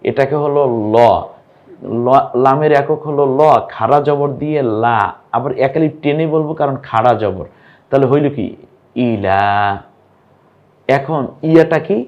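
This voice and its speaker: A man's voice: on the high side, measured pace, long pauses, muffled recording. A young man teaching an online lesson, patiently sounding out syllables and quizzing his viewers. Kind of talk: online lesson on reading Arabic vowel marks.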